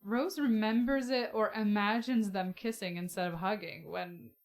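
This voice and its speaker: A woman's voice: medium pitch, moderate pace. Blunt, swearing young woman co-host. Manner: blunt and emphatic, swears freely. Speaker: podcast co-host. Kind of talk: casual book discussion.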